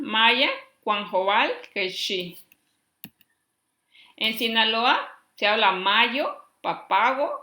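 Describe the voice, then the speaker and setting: Woman teacher from Chiapas, Mexico, slow deliberate pace, bright tone, echoey room. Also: fairly high pitch. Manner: reads lists slowly, checks in with "¿sí?". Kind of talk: classroom lesson.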